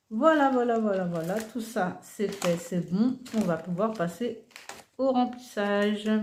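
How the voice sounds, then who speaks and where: A woman's voice: mid-range voice, darkish tone. Chatty woman in her forties. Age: 40s. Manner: chatty, many fillers like euh and voilà; counts banknotes aloud. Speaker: budgeting vlogger. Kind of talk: casual chat while sorting cash envelopes. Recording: faint background noise with rustling clicks.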